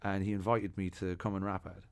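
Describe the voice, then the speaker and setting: A man with an Irish accent, a podcast guest in casual chat, telling lively stories and quoting others with sudden bursts of energy. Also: sits low, fast, clear, resonant tone. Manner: animated storyteller, quotes others in lively bursts. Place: music studio.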